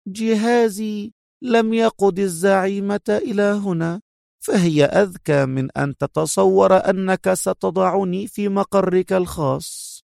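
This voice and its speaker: A man's voice: high-pitched, steady tone, gravelly, a little mellow, dry recording, studio quality, pitched above the performer's own voice, full character voice. A man voicing a smug, mocking young woman captive who speaks sarcastically and drags out her words. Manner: sarcastic, teasing, drawn-out.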